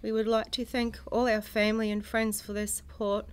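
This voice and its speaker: A middle-aged woman, a bereaved mother reading a prepared personal statement in a solemn, measured way, in grief. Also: on the high side, flat delivery. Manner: solemn, measured delivery in short phrases. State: grieving.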